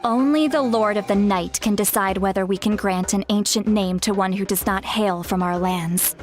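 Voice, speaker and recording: An actress playing an earnest, caring woman guide in a fantasy video game, speaking in a measured, explanatory way. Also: mid-range voice, soft background music, natural voice. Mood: solemn, explaining. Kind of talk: scripted video game dialogue.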